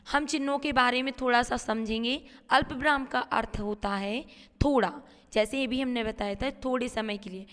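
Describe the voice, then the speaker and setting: A woman's voice: high voice, fairly bright tone, long reverb tail. A woman teacher explaining a grammar lesson step by step, reading a line and then paraphrasing it.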